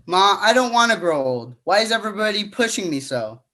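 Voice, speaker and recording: Brief: young man as earnest nervous groom, high bright tone. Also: sing-song, brisk, exaggerated voice. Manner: earnest, restless. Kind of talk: amateur play reading.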